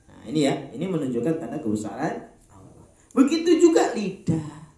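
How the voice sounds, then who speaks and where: A man preaching with a Javanese accent, his pitch leaping around as he jokes and acts out small exchanges. The sound rings with echo from the open space around him. It feels like an informal religious talk. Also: wildly swooping pitch, brisk, mellow. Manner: jokey, acts out little dialogues, laughs often. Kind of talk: relaxed Quran study talk to an elderly group. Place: outdoor park gathering.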